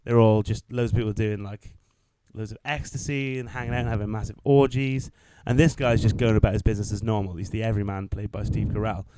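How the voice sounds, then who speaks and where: A young man co-hosting a podcast, telling a story in lively casual chat, swearing freely and acting out what people said. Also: on the low side, quick pace, hardly any pauses, slight background noise. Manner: animated storyteller, swears freely, acts out quotes. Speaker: podcast co-host.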